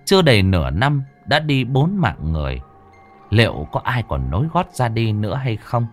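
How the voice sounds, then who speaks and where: A male storyteller narrating a ghost story in a lively, dramatic way. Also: medium pitch, normal speed, soft background music.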